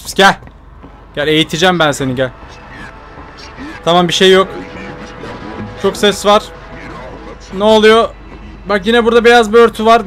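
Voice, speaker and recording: Jumpy young man gaming, fairly high voice. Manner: jumpy, swings from muttering to startled shouts; chatty, addresses viewers directly. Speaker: gaming YouTuber. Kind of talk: horror game let's play commentary.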